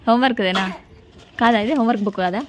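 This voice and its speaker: Brisk, bossy mother vlogging. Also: on the high side. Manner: scolding, bossy with children. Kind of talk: casual home vlog. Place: home. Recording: noisy home recording.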